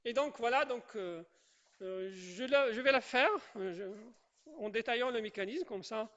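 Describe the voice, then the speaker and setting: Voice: mid-range voice, moderate pace, fairly bright tone, highs cut off. A chemistry teacher giving a classroom lecture at the board. The teacher often repeats points, checks in with the class, and quizzes students and praises their answers. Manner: repetitive, checks in with "d'accord?" and "je répète".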